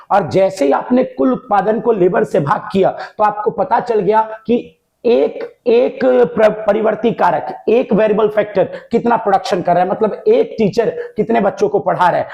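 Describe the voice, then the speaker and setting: A man's voice: sits high, gravelly, darkish tone, lo-fi sound. A male tutor giving an exam-focused economics lesson, calling students "beta" and repeating each term in two languages. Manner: addresses students as "beta" and "bachcha", repeats points in Hindi and English.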